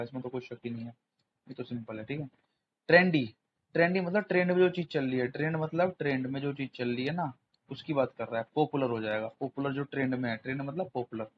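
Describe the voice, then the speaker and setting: A man's voice: mid-range voice, fast, muffled recording, a little hiss or hum. A man hosting a casual exam-prep vocabulary lesson, repeating words and quizzing viewers with rhetorical questions to build memory tricks. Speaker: exam tutor, channel host. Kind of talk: informal vocabulary lesson with mnemonics.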